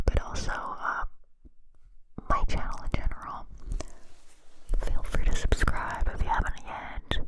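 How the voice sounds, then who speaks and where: This is a barely audible ASMR whisper, entirely breathy and unvoiced. The creator speaks right up at the microphone in a cupped manner, addressing listeners directly. Small mouth sounds come through with the words. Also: rough recording. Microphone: close to the mic, cupped.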